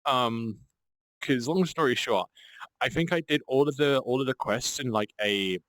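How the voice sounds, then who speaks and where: A man's voice: mid-range voice, unhurried, fairly bright tone, a little hiss or hum, rough recording. A man hosting a livestream, chatting casually and greeting viewers in a campy manner. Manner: campy, calls listeners darling. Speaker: livestream host.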